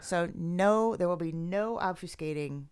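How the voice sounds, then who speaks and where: A woman's voice: fairly low pitch, a little slow, a little mellow, clear, resonant tone, no echo, studio quality. A woman co-hosting a casual podcast chat, emphatic and fond of repeating herself for effect. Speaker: podcast co-host.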